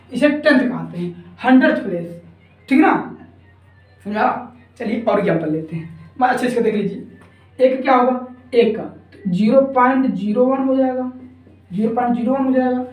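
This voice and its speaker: Echoey higher-voiced woman teaching maths. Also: a little mellow, recorded from a distance. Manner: repetitive, asks rhetorical questions, often checks with "ठीक है ना". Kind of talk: explaining a maths lesson step by step.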